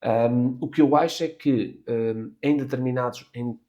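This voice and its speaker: Animated middle-aged Portuguese man chatting. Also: mid-range voice, measured pace, highs cut off. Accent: European Portuguese. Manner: animated, swearing, many restarts. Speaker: podcast guest. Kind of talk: casual chat.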